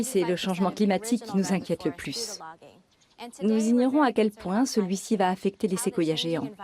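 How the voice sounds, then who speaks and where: A woman biologist giving a clear, explanatory account of her work. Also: medium pitch.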